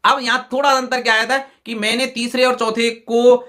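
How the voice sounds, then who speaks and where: Male teacher from Rajasthan, high voice, step-by-step answer walkthrough, slow word drills. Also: flat delivery, sharp tone. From Rajasthan, India. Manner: explains step by step, repeats "dekhiye", drills pronunciation slowly.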